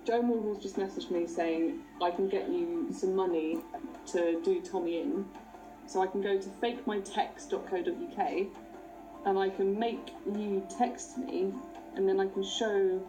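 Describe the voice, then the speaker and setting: A woman's voice: medium pitch, steady tone, unhurried, music in the background, low-quality recording. A British woman chatting casually, plain-spoken and informal, with slang in her speech. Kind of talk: casual conversation.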